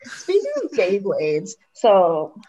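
Casting: woman in her 20s, casual chat, blunt, animated pitch. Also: slow, husky. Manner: blunt, swearing, expressive. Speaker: podcast co-host.

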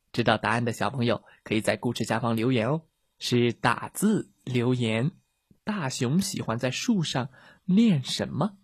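A man narrating a children's story slowly and gently, addressing young listeners. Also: medium pitch, husky, no room sound, clean studio sound.

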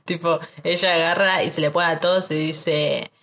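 A woman's voice: low voice, steady tone, moderate pace, a bit bright. A woman with an Argentine accent, chatting casually and retelling a story in slangy speech full of fillers. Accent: Argentine Spanish. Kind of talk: casual chat.

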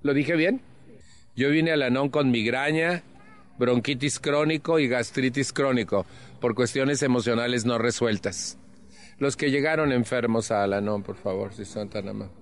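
Older man, seventies, Mexican accent, recovery testimony, earnest, animated, frank. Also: medium pitch, normal speed. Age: 70s. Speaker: Al-Anon speaker. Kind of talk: personal testimony talk.

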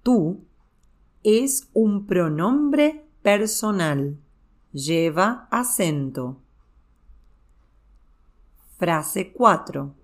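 A woman hosting a language-learning podcast, reading a scripted grammar lesson with slow, clearly enunciated delivery. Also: on the low side, lively intonation. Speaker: Spanish teacher and podcast host.

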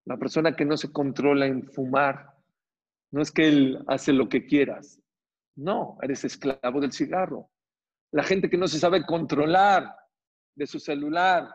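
A man preaching as a rabbi, emphatic and animated, with much repetition, on a dull lo-fi recording. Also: a little high, a little slow, husky. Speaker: rabbi teaching a Torah class. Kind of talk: sermon.

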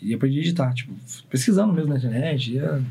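A man's voice: mid-range voice, lively intonation, rapid-fire, mellow, slightly rough, low-quality recording. A man with a Brazilian Portuguese accent telling stories casually in an interview, informally repeating and rephrasing as he goes. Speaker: interview guest, designer and videographer. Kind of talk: casual conversational storytelling.

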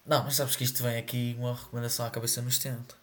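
A man's voice: mid-range voice, flat delivery, very fast, a bit bright. A young man with a European Portuguese accent, chatting informally in slang as a podcast co-host. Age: young adult. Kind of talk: casual chat.

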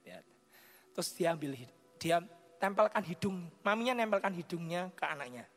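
Seorang pria berlogat Jawa berkhotbah sambil bercerita, menghidupkan adegan dengan bunyi-bunyian dan menyapa jemaat secara langsung. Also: male voice, high voice, moderate pace. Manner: animated, acts out scenes with sound effects; addresses the congregation directly. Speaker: preacher. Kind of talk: sermon with storytelling. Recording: reverberant hall with faint music.

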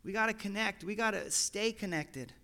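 Bright, high-voiced animated male pastor. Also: normal speed, creaky. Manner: animated storytelling, quotes his son and God in lively asides. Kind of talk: sermon.

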